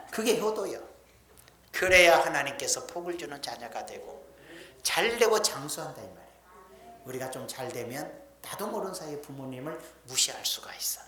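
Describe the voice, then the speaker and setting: A woman's voice: extremely low pitch, a bit bright. A woman preacher giving a sermon in a folksy, emphatic storytelling manner, with blunt everyday speech. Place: church sanctuary. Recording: echoey church hall.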